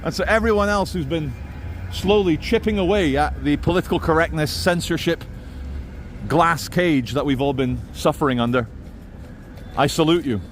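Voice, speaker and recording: A man's voice: on the high side, normal speed. A man talking in a rambling, opinionated monologue as he records a walking vlog outdoors in a city. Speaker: vlogger. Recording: outdoor city and traffic noise.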